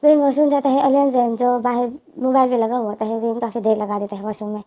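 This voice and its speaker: Mellow woman retelling a story. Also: a little high, fairly even intonation, fast talker. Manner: simple, repetitive narration. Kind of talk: retelling a fan fiction story.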